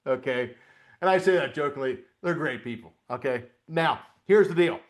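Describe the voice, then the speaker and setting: A man's voice: medium pitch, moderate pace. A middle-aged man coaching a live webcast lesson on options trading, chatty with folksy asides. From upstate New York, US. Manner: chatty, lively, folksy asides while walking through a trading screen.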